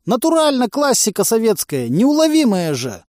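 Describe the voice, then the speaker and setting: A man's voice: very high-pitched, wildly swooping pitch, moderate pace, darkish tone, dry recording, studio quality, pitched above the performer's own voice, full character voice. A man putting on a whiny jittery stoner. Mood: pleading. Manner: whiny, pleading, squeals. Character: jittery young male stoner moonshiner, cowardly. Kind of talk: audiobook character voice.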